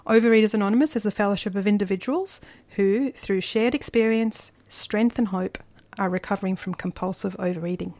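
A woman hosting a community radio program, reading a measured scripted introduction and interviewing a guest in the studio. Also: mid-range voice, darkish tone, no room sound. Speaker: radio host. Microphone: studio microphone.

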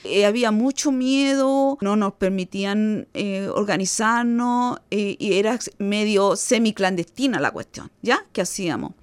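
A woman's voice: medium pitch, unhurried, few pauses, clean tone, no echo. Earnest Chilean woman in her sixties. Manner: earnest, reflective storyteller. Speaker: guest commentator. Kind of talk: radio conversation.

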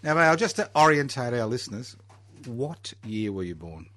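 A man's voice: mid-range voice, big pitch swings, normal speed, a bit bright. An Australian man hosting a casual community AM radio interview, teasing and often cutting in with repeats. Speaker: radio host.

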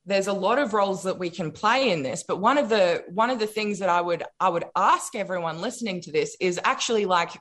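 An Australian woman speaking in an impassioned political discussion, emphatic and indignant, repeating phrases for weight. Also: medium pitch.

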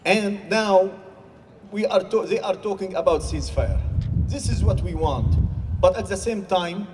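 A man from Gaza, giving an impassioned protest speech at an outdoor rally, sometimes rising to shouts. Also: high voice, animated, measured pace. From Gaza, Palestine. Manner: forceful, rising to shouts at times. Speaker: rally speaker. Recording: distant reverberant rally recording with faint noise.

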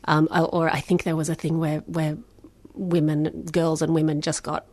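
A woman author answering interview questions about her novel in a measured, reflective way, pausing often with fillers. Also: deep voice, level tone, a little mellow.

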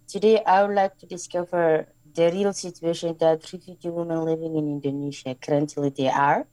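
A woman from Somalia, a guest co-presenter on a radio show, speaking slowly and carefully in a halting way. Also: sits low, steady tone, warm tone, dry recording, poor audio. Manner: slow, careful, halting speech. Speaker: guest co-presenter and refugee volunteer.

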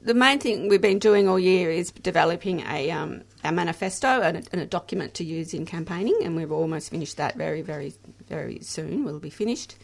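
Creaky, lowish-voiced woman on radio. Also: fairly quick, hardly any pauses. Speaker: radio co-host and project coordinator. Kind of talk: casual radio chat. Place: crowded radio studio with shared microphones.

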